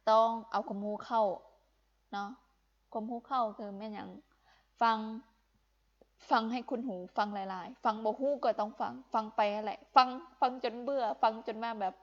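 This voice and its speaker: A woman's voice: fairly high pitch, fairly even intonation, moderate pace, long pauses, dull audio. A young woman from Laos teaching Vietnamese in a live-streamed lesson, encouraging and repeating phrases for emphasis.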